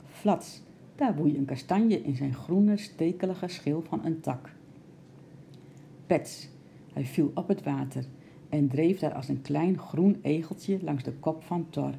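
Low gravelly woman reading a storybook. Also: warm tone, a little hiss or hum. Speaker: narrator.

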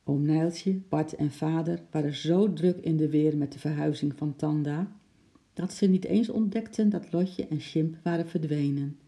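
Storybook narrator: steady, expressive, deep-toned and grainy. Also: a little slow. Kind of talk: children's storybook reading.

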